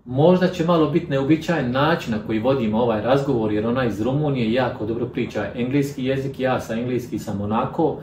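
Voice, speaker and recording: A man's voice: mid-range voice, fast, few pauses, darkish tone, roomy sound, slight background noise. A male host formally welcoming viewers and introducing his guest. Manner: polite, welcoming. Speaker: show host.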